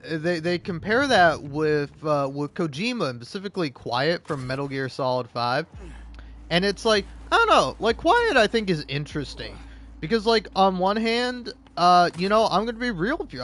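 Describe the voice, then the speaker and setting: A man's voice: fairly high pitch, a bit bright. A man streaming a game, chatting casually in a rambling way, chuckling and eating as he talks. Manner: rambling, chuckling, restarts a lot. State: eating while talking. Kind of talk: casual gaming chat.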